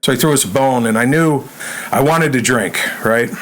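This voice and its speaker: A middle-aged man, speaking at a medium pitch. He tells a personal testimony in a relaxed, conversational storyteller's way. He acts out the dialogue and keeps checking in with "right?". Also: normal speed, rough recording. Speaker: podcast guest. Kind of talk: personal testimony in a sit-down interview.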